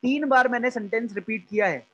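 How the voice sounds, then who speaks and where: A man with an Indian English accent lectures over a video call, mixing Hindi and English and pausing to quiz his students. His voice sits fairly high for a man. The sound is dull and lo-fi, with faint music underneath. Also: a bit bright. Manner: mixes English and Hindi, asks students questions. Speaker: teacher. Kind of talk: online class lecture. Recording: dull lo-fi online class audio.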